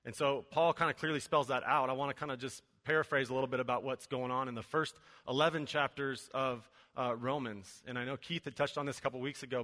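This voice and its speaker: A man in his forties, a venue director and preacher, gives a casual, joking church sermon packed with fillers in a large church auditorium. His voice is medium in pitch with a fairly bright tone, and a long hall reverb trails it.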